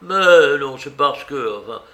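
A man's voice: medium pitch, animated, measured pace, bright, forceful tone, pitched above the performer's own voice. A man voicing a troubled, earnest nobleman in an audiobook, speaking in a pleading, hesitant way.

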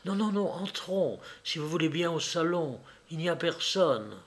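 A man's voice: high-pitched, measured pace, pitched above the performer's own voice. A man voicing an anxious, remorseful society lady who pleads and confesses in a raised voice. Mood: anguished.

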